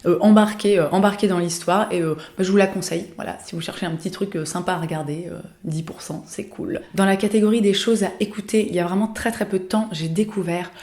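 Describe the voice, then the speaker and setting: A woman's voice: mid-range voice, steady tone, fast, few pauses, darkish tone, roomy sound. A young woman chatting casually about books and shows she recommends, with lots of hesitations and fillers. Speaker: lifestyle vlogger.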